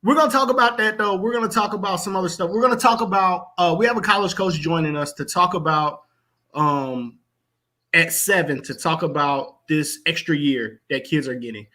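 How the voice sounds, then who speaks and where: Bright-voiced male podcast host. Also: on the high side, a little fast. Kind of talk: casual sports podcast chat.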